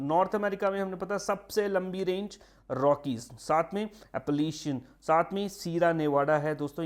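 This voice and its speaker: A man teaching a geography lesson for exam prep, repeating key names slowly and slipping in English phrases. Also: a little high. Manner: repeats key terms, mixes English phrases, frequent "ठीक है"; drawn-out slow emphasis on names, quick asides. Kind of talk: online geography lecture.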